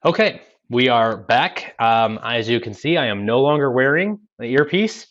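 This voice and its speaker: Speaking at a moderate pace with a medium pitch, lively intonation and a fairly bright tone, a product review presenter walks through a casual demo step by step. He's in a small indoor office, and his Bluetooth headset microphone gives the recording a dull, lo-fi quality.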